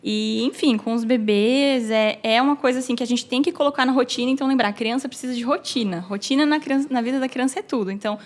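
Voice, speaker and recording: A woman in her thirties with a high, bright voice talks casually on a podcast. She explains things in a lively way and keeps adding little "né"s and "assim"s as she goes. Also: fast talker, few pauses. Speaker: podcast co-host, mother of three.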